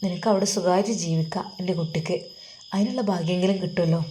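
A woman voicing a middle-aged mother who coaxes and presses her daughter, speaking louder and firmer. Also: fairly low pitch, fast, a little hiss or hum, natural voice. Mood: coaxing. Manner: coaxing then firm, louder. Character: insistent middle-aged mother, firm and coaxing.

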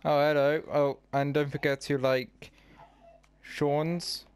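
A man's voice: on the high side, little pitch movement, slow pace, clear, resonant tone. A man hosting his gaming channel, chatting in a laid-back, easygoing way with a friend while they play. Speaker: channel host. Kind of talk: casual gameplay chat.

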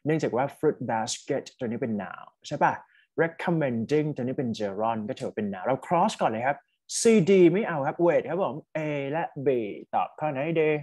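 A mid-range, darkish, slightly rough voice belongs to a Thai-accented man who speaks expressively at a measured pace. He's teaching test-prep English online, mixing English into his Thai and encouraging students to type their answers.

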